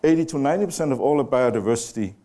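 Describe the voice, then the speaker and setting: There's an animated yet mellow quality to this mid-range male voice. He's a guest lecturer from Samoa, taking an unhurried pace in a lecture room with a live audience and quizzing people there directly.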